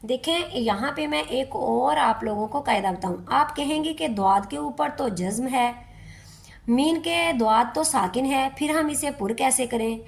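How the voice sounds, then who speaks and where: A woman, a Quran teacher explaining pronunciation rules step by step in a slow, patient way. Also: sits high, vocal fry. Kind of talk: step-by-step recitation lesson.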